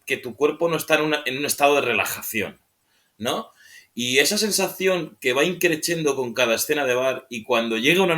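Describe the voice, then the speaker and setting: A man's voice: mid-range voice, pushed and bright. A man on a film podcast talking off the cuff, rambling and searching for words, often ending phrases with a questioning tag. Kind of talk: casual film discussion.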